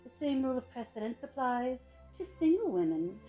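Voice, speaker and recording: Female narrator, sultry and mellow, scripted book reading, soft phrase endings. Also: high-pitched, big pitch swings, soft background music. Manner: sultry, slow-savoring delivery with soft trailing phrase ends. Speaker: reader of a public-domain etiquette book.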